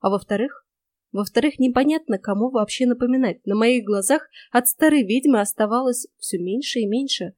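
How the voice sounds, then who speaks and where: A woman telling a lively first-person story as audiobook narration. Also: on the high side, normal speed, no room sound, clean studio sound.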